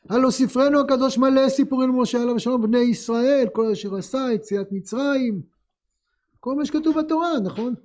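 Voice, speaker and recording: A male teacher leading a classroom text lesson, asking his students many questions in a lively way. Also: very high-pitched.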